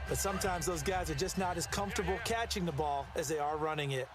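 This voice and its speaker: A man's voice: on the high side, fast talker, over music, natural voice. A man with an American accent playing a football color commentator in a video game, explaining plays in a folksy way. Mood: analytical. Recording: loud game noise behind voice.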